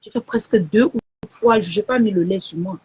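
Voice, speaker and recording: A woman's voice: medium pitch, normal speed, a little mellow, husky. A woman chatting casually on a live stream, answering viewer messages and quoting prices.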